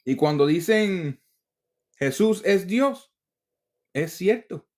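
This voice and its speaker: A man teaching from the Bible, reading verses slowly and deliberately with casual asides to the viewer. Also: sits high, expressive, darkish tone.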